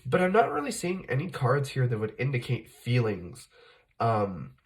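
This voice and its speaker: Fighting off a cold and coughing from time to time, a tarot reader and channel host gives a casual, conversational reading riddled with fillers and self-corrections. His gravelly, medium-pitched voice swings hugely in pitch at a normal speed.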